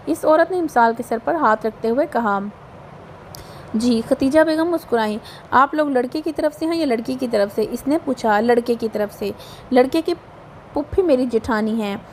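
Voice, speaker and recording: High-voiced Urdu woman reading a novel. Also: a little mellow, a little hiss or hum. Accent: Pakistani Urdu. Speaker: audio novel narrator. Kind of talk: reading a romance novel aloud, voicing all characters.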